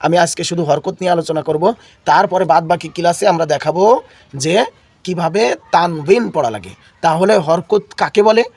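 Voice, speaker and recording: A man's voice: a little high, a little fast, darkish tone. A man teaching a Quran reading lesson while unwell. He repeats key words and has his listeners echo them back. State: unwell, coughing. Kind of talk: classroom lesson with call and response.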